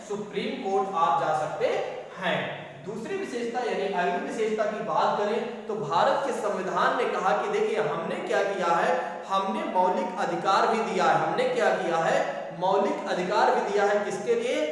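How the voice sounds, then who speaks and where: A man with a high voice gives an exam-prep lecture. He keeps turning his points into rhetorical questions and then answers them. He is heard from a distance in a very echoey room with a long reverb tail. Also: a bit bright. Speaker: teacher.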